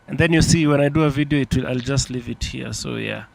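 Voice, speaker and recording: A man's voice: mid-range voice, fast, gravelly. A man with a Kenyan accent chatting casually and commentating as he streams a flight simulator game. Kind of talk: casual livestream chat and gameplay commentary. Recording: faint background noise.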